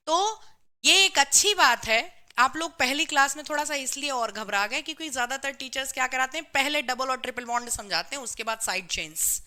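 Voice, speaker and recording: A woman's voice: high voice, bright, forceful tone. A woman teaching chemistry in a live online class, explaining step by step, reading out students' comments and answering them with a lot of "theek hai". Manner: says "bhai" and "theek hai" to the class often.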